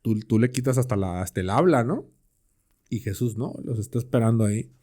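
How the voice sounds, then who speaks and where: A man's voice: medium pitch, animated, a little fast, dark tone. A man co-hosting a podcast, chatting through a Bible passage with slangy everyday examples and rhetorical questions. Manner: slangy, conversational. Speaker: podcast co-host. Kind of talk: casual Bible study chat.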